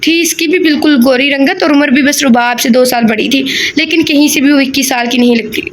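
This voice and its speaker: A woman's voice: high voice, fairly quick, a little hiss or hum. A woman reading a romance novel aloud as narrator, adding chatty asides to her listeners.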